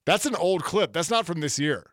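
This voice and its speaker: A man hosting a casual sports podcast, rambling through animated stories. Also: fairly high pitch, moderate pace, dry recording, clean studio sound. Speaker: podcast host.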